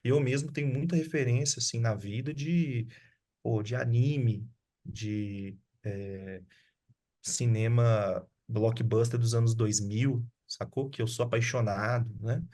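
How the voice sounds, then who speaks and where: A man at a middling pitch. He chats easily over a video call, slangy and unhurried, circling back to restart his thoughts. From Sabará, Brazil. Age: 30s. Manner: relaxed, slangy, with frequent restarts. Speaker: guest filmmaker. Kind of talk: casual online conversation.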